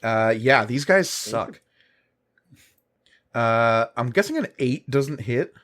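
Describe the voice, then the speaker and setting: A man with a mid-pitched voice runs a tabletop game as game master. He speaks slowly and casually, measuring out narration and rules. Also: lively intonation, fairly bright tone.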